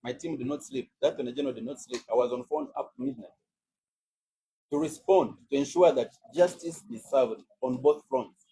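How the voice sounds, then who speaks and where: A man serving as state counsel, making a measured, deliberate formal submission in court. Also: mid-range voice, very animated, gravelly, mellow, slight background noise, poor audio. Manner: measured, deliberate legal oratory.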